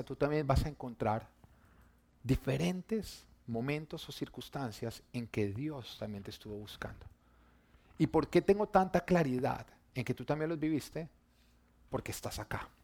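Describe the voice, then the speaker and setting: A man preaches, talking in a relaxed, chatty way as he weaves personal stories into his sermon. His voice sits in a middle register for a man, and he drops it soft and quiet when the moment turns tender. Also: mid-range voice. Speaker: pastor.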